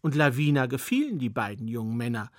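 A man's voice: mid-range voice, big pitch swings, fast, no echo, studio quality. A man telling a fairy tale in a personal storytelling manner with occasional asides.

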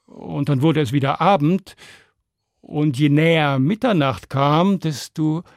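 Slow, gravelly male storyteller. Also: on the high side, no echo, clean studio sound. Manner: calm, deliberate, addresses listeners directly. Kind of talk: fairy tale narration for children.

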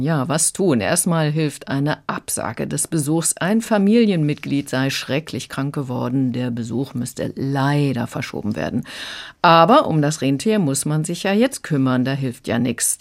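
Woman critic retelling a children's book. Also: low voice. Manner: calm, chatty retelling. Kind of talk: radio book review.

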